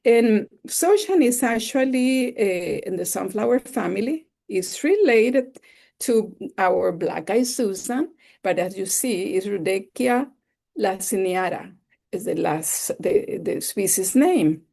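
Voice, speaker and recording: Slow, gravelly woman. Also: mid-range voice, lively intonation, dark tone. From El Salvador. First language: Spanish. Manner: enthusiastic, explanatory. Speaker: webinar instructor. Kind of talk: slide-based webinar lecture.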